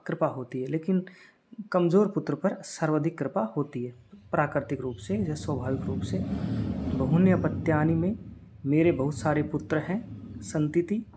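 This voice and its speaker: This is a man teaching a lesson. His voice sits a little on the higher side. He reads the text phrase by phrase and after each one explains what every word means, at a patient, steady pace.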